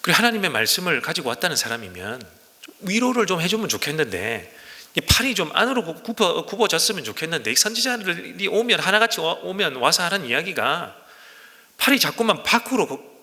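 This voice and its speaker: A man preaching to his congregation with a bright, forceful voice that swings widely up and down. His delivery is emphatic and full of rhetorical questions, and his voice rings out in a church sanctuary with a long hall reverb. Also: a little high, very animated, brisk. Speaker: pastor. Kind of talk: sermon.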